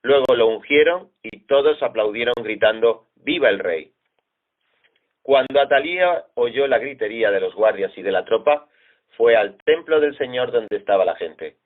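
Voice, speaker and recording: A man's voice: medium pitch, expressive, normal speed. Man reading scripture over tinny audio. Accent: Spanish. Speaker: Bible reader.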